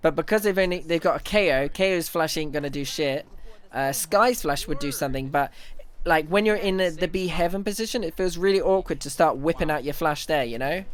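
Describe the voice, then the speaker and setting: A man on a livestream, speaking into a headset mic with a slightly high voice. He breaks down the match in a fast, excitable run of thoughts. He often stumbles and restarts his sentences as he goes. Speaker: streamer analyzing an esports match. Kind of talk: casual live analysis commentary.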